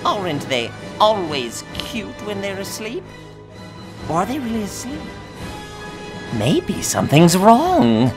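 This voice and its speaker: A man's voice: high voice, huge pitch swings, slow, over loud music, full character voice. A man voicing a gleeful, sinister, taunting madman villain in an audio drama, sing-song and teasing. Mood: gleeful menace.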